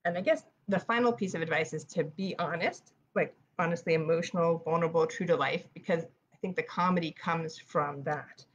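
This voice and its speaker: Fast-talking New York woman, low voice. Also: highs cut off, slight background noise. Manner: fast-talking, chatty, with frequent fillers. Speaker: author presenting writing tips. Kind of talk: live-streamed writing presentation.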